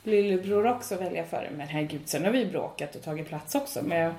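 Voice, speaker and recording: A woman chatting casually as a podcast co-host, listening attentively, asking questions and agreeing quickly. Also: lowish voice, animated, dark tone. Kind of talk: casual chat. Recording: echoey room.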